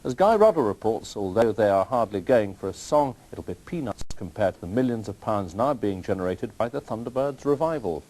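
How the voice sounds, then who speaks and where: A man reading a scripted news item with a wry, lively delivery. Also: lowish voice, fairly quick, few pauses, rough recording. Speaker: news presenter.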